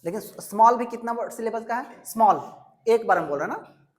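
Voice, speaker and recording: A woman's voice: on the high side, a little fast. A woman teaching an English grammar lesson, asking questions and answering them herself, and stretching out example words. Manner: drills with repeated questions and answers.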